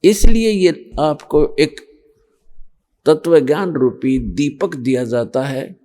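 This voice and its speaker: A man giving a slow, measured religious sermon, quoting scripture and explaining each point. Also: mid-range voice, mellow. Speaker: spiritual preacher.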